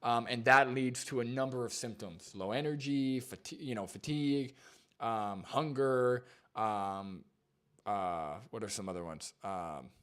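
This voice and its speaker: A man's voice: mid-range voice, unhurried, a bit bright, clear, resonant tone. A young man streaming, reacting to a video and reading chat, rambling with lots of fillers and restarts.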